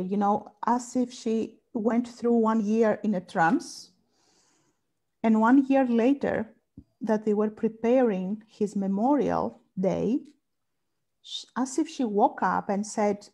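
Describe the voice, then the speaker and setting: A Greek woman who works as a family therapist answers interview questions thoughtfully in English, with a Greek accent, searching for the right words as she goes. Her voice is fairly high-pitched with a dark tone.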